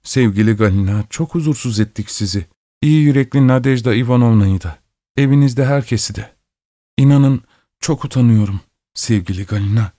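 A man's voice: medium pitch, a little fast, pitched above the performer's own voice, lightly acted. A man doing a raised-voice distraught mother. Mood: apologetic. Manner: pleading, emphatic. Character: distraught, fiery mother of a sick boy.

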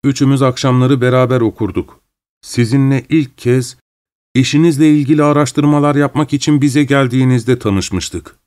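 A man reading an audiobook, voicing a fawning middle-aged widower who speaks in a shrill, affected, theatrical way. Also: normal speed, a little mellow, natural voice. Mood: gushing. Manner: gushing, theatrical, overly familiar.

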